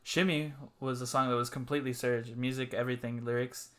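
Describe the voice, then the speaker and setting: A man hosting a casual podcast chat, his voice sitting in an ordinary middle pitch. He talks earnestly and loosely, with many fillers as he shares his opinions. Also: steady tone, a little fast, fairly bright tone. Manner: earnest, frequent "you know" fillers. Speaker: podcast host.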